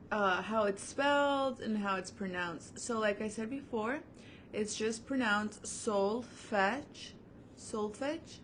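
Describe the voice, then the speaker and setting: A woman's voice: a little high, a little hiss or hum. A young adult woman, a music teacher, giving a recorded online lesson to children in an upbeat, encouraging way, with many fillers, seated at home before her camera. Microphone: camera mic.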